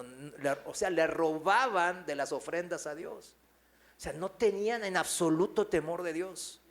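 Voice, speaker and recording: A male pastor, preaching a sermon full of rhetorical questions to his congregation. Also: fairly high pitch.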